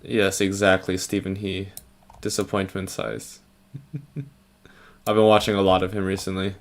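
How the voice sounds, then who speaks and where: Playful young man with a low voice. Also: little pitch movement, normal speed. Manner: playful, rambling, laughs often. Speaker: streamer. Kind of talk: casual live-stream chat.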